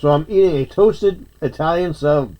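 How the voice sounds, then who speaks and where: A man's voice: a little high, moderate pace, highs cut off. A man chatting casually on a livestream while he eats, sometimes talking with his mouth full. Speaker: streamer.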